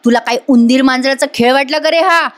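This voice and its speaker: Lady narrator reading a scheming young wife, high voice, muttering then threatening. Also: a little fast, lightly acted. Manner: muttering to herself, then menacing.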